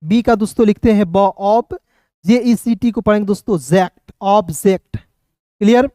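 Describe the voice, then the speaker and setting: A man's voice: high-pitched, a little slow, warm tone, no room sound. Patient man teaching reading, dry sound. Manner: patient and repetitive, often adding filler phrases. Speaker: English teacher. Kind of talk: recorded video lesson, spelling words out letter by letter.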